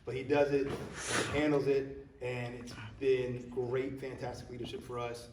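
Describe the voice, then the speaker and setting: A man speaking as a high school soccer coach at a banquet, telling loose stories and acting out the quoted lines. His voice sits at a middle pitch, and the recording is roomy, with him standing back from the mic. A faint hiss runs underneath. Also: flat delivery, moderate pace. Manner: storytelling, acts out quotes. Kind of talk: banquet award speech. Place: banquet hall. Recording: echoey hall, speaker far from mic.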